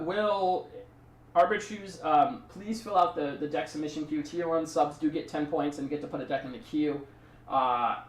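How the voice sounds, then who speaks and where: A man's voice: on the high side, reverberant, far from the mic. A man streaming a card game, talking through his plays in a rambling, chatty way and thanking subscribers. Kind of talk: casual live-stream commentary.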